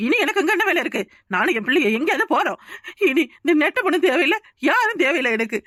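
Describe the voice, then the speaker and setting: A woman's voice: sits high, very animated, fast, pushed and bright, no echo, clean studio sound, full character voice. A woman voicing a jealous young wife in a Tamil cartoon, scolding and sarcastic. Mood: sulking. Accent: Tamil Nadu Tamil. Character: jealous young wife, sharp-tongued and sulking. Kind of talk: cartoon dub voice acting.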